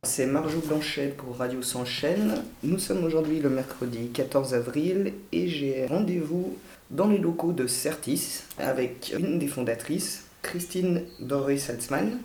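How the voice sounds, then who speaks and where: A woman hosts a radio interview, asking her questions slowly and carefully. The room around her sounds echoey. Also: low voice, mellow. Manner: slow, measured questions.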